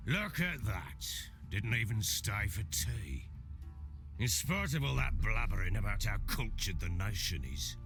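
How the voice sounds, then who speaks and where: An actor playing a gruff, wily, hard-drinking middle-aged baron in a video game, blustering and theatrical. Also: male voice, fairly low pitch, sing-song, measured pace, fairly bright tone, faint music behind, full character voice. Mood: blustery. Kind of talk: video game cutscene acting.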